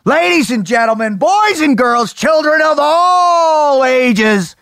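A man's voice: extremely high pitch, animated, slow pace, creaky, fairly bright tone, no echo, studio quality. A man hosting a show, grandly announcing like a ringmaster introducing an act. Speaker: host of an interview show. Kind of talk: theatrical guest introduction.

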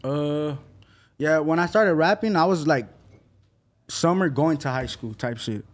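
In a relaxed interview chat, an eighteen-year-old rapper talks at a measured pace in a voice on the high side. He leans on easygoing street slang and loads of filler words.

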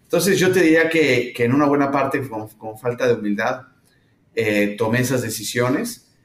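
A middle-aged man from Mexico with a Mexican accent, answering interview questions thoughtfully with many pauses and fillers. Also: mid-range voice. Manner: thoughtful, hesitant with frequent fillers. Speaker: startup founder, guest. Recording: roomy echo.

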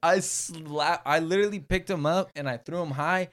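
A man's voice: fairly high pitch, moderate pace, a bit bright, no echo. A man with a slangy, swearing frat-bro way of talking, chatting casually with friends on a podcast. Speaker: podcast co-host.

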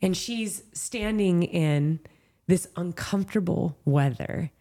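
A woman's voice: lowish voice, takes it slowly, dark tone. A woman in her thirties from Southern California, a professional trail runner telling a heartfelt story in an interview, candid and full of "like" and "you know". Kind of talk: emotional storytelling in a podcast interview.

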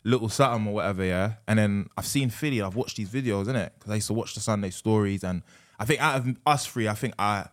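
A young man with a London accent, chatting casually and telling stories in a slangy, animated way, often repeating himself. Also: on the low side, quick pace. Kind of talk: casual chat, storytelling.

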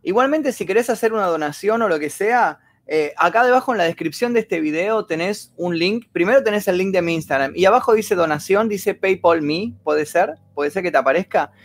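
A man's voice: sits high, lively intonation, fairly quick, few pauses. A man with an Argentine accent hosts a casual livestream, rambling, reading viewers' stories aloud and thanking donors at length. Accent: Argentine Spanish. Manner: reads viewer messages aloud.

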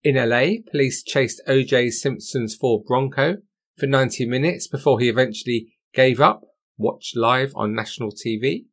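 British guy doing true crime narrator voice for a podcast, scripted and measured, mid pitch.

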